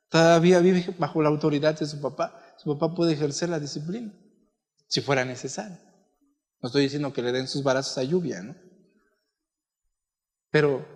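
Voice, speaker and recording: A pastor giving a conversational sermon full of stories and asides. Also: male voice, fairly high pitch, darkish tone, big-room sound. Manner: conversational preaching with anecdotes and asides. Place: church.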